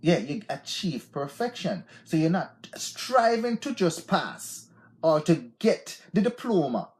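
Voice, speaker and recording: Slightly high and sing-song, this man's voice has a darkish tone and he takes his time. He's in his forties, speaks with a Jamaican accent, and hosts an unscripted live stream of loose, repetitive motivational talk, frequently saying "yeah, man".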